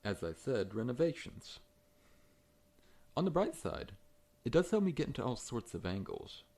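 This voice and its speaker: Voicing a large, amiable scorpion-monster dentist for ASMR, a man sounds polite and welcoming, gentle and professionally reassuring. He speaks in a mid-range, sing-song voice at a moderate pace.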